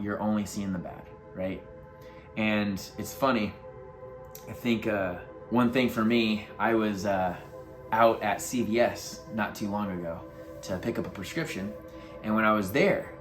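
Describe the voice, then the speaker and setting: A man talking as a life coach, giving earnest motivational advice to camera in a casual way with lots of fillers. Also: lowish voice.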